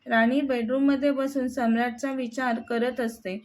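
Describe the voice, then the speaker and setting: Woman storyteller, high pitch, steady narration, scripted reading. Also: normal speed.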